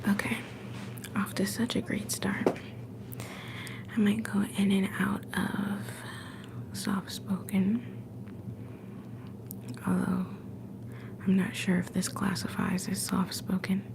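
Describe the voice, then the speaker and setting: A woman hosting a whispered ASMR livestream from home. She drifts between a soft whisper and a soft-spoken voice, gently greeting chat viewers into a phone set a little way off. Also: mid-range voice, monotone, slow, vocal fry, pauses often. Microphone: phone set some distance away.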